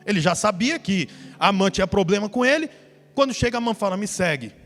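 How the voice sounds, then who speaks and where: A male pastor preaching a sermon, telling a Bible story in a lively way and acting out the characters in a church. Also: high-pitched, a little fast. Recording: hall reverb with faint music.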